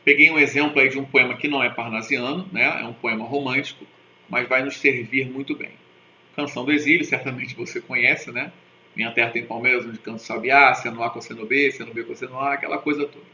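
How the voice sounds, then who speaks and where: Guy teaching a class, sharp bright voice, keeps going "tá?", echoey room, faint noise. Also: mid-range voice, fairly even intonation, fairly quick, dull audio. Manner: didactic, keeps checking in with "tá?" and "né?"; spells out sounds and has viewers repeat them. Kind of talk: recorded literature lesson.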